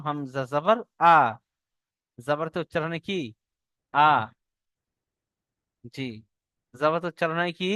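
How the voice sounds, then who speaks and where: Bengali male teacher, smooth tone, slightly higher voice, dry close sound, drills call-and-repeat. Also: fairly bright tone, no room sound. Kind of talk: online Quran reading class.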